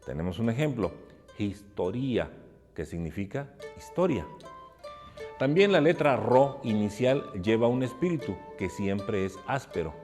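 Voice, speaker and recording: A man's voice: mid-range voice, very animated, darkish tone, faint music behind. Man teaching in a reverberant hall. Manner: measured, explanatory, spells out examples. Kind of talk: educational narration.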